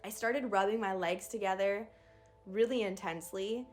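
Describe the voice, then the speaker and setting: A woman's voice: medium pitch, normal speed. A young woman vlogger candidly retelling a birth story in a casual storytime. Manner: candid, animated retelling with acted quotes.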